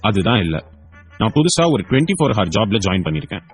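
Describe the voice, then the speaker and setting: Breezy young boss, animated and playful, read by a man. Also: on the low side, fast, breathy edge, soft background music. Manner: playful, talkative, lively delivery.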